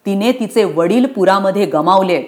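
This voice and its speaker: Woman doing a gentle, ashamed village uncle. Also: mid-range voice, animated, normal speed, close to an everyday voice. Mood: earnest. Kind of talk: storybook reading.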